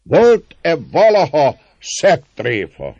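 A man voicing a coarse, mocking male friar who taunts a captive noblewoman, his voice raised, loud and sneering. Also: fairly high pitch, huge pitch swings, no echo, pitched above the performer's own voice. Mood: taunting. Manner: taunting, gloating, sneering mockery. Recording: dull lo-fi, dry sound.

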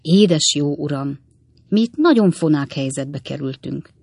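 A small, anxious lawyer, as a narrator puts him on murmurs and placates, soft and deliberate. The recording is dry and close. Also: medium pitch, lively intonation, gravelly, dry recording. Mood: placating. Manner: placating, soothing, hushed.

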